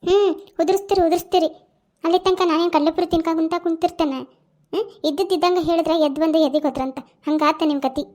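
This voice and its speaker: A woman's voice: very high-pitched, steady tone, fast talker, darkish tone. A woman voicing a quarrelsome young daughter-in-law in a cartoon, with a North Karnataka accent and a taunting, indignant way of talking. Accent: North Karnataka Kannada. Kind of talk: cartoon voice acting.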